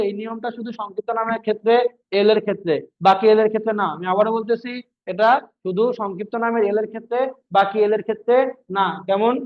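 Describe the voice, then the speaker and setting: A man teaches an exam-prep grammar lesson in a fairly high voice. He repeats his points and keeps asking whether it is clear. The sound is thin and tinny, like a phone line. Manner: repetitive, checks understanding with frequent questions.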